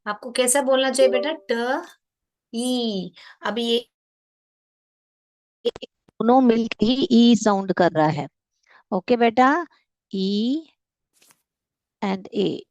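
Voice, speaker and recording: A woman's voice: on the high side, slow pace, long pauses, darkish tone, low-quality recording. A woman teacher giving an online phonics lesson, patiently spelling out sounds letter by letter and mixing Hindi with English. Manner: mixes Hindi and English, calls students "beta".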